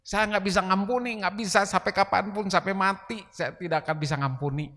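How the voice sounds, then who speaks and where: A man's voice: high voice, fairly quick, bright, forceful tone, voice pushed up. A man voicing a resentful person who refuses to forgive, sighing in exasperation. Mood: exasperated. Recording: long reverb of a church hall.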